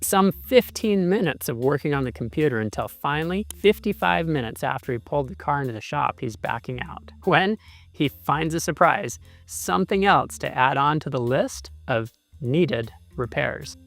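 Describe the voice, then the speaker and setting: A man's voice: on the high side, expressive, normal speed, gravelly, fairly bright tone. A man hosting and narrating a consumer investigation with an emphatic, indignant delivery. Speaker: video host and narrator. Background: music.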